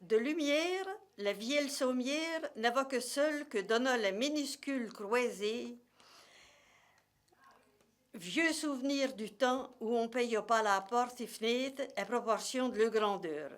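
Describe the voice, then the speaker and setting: Woman storyteller, rural Burgundian Morvan accent, higher-pitched voice, very slow measured delivery of a dialect tale. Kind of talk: storytelling in regional dialect, read aloud.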